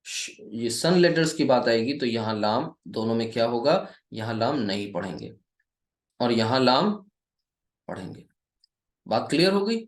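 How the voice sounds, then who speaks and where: Male teacher, slow deliberate delivery, patient questioning tone, echoey room. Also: medium pitch. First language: Urdu or Hindi speaker teaching Arabic. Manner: patient, asks the viewer questions and answers them himself; deliberate, slow delivery with many repeated checks of "okay". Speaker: Arabic grammar teacher. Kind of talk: classroom-style lesson, explaining at a board.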